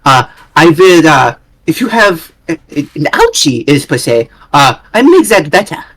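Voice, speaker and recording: A jittery gnome doctor, played by a tabletop player, stammering through polite, fawning pleas. The pitch swings widely from line to line. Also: very animated, normal speed, a bit bright, dry recording. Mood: pleading.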